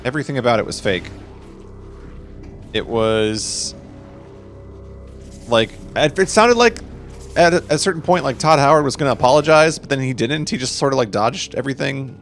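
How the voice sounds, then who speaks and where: A man's voice: mid-range voice, expressive, moderate pace, long pauses, soft background music. A man casually chatting with his viewers and answering their questions while he plays a game on a live stream. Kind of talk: live gameplay stream commentary.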